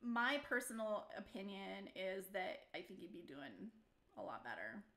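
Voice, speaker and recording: A woman's voice: mid-range voice, very animated, measured pace, bright, forceful tone. A young woman co-hosting a live stream in casual, chatty talk, bubbly and often laughing. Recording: roomy echoey sound.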